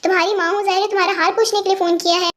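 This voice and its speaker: A woman voicing a sharp-tongued, dramatic middle-aged mother in a fan audio story, scolding and complaining. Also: extremely high pitch, level tone, rapid-fire, soft background music.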